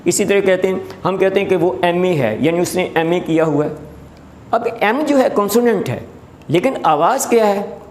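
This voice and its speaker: A man's voice: high-pitched, darkish tone. A man who teaches English, giving a lecture, patiently repeating examples and checking that students understand. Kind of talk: recorded classroom lecture. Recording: echoey room with faint noise.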